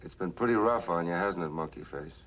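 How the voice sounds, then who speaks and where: An actor playing a troubled, curt police lieutenant in a 1940s film noir style. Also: male voice, low voice, fairly quick, a bit bright. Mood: tender. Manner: curt, tough, evasive. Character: brusque, troubled police lieutenant, a married man. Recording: dull old film soundtrack.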